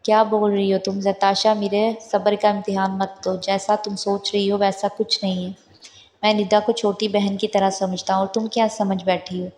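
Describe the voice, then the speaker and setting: A woman reading out a young husband in a storybook romance, stubborn, quick to anger and given to teasing. The voice stays level and steady, with very little rise and fall in pitch. It is delivered as a plain, even reading. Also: natural voice. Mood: curt, teasing.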